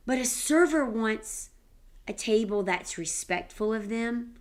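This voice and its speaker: Higher-pitched lady pastor talking emphatically, devotional chat. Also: a little slow. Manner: animated, emphatic, affirming interjections.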